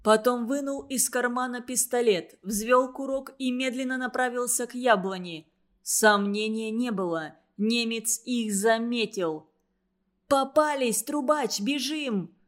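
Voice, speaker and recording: A woman narrating a wartime story in a steady, measured audiobook reading. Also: on the high side.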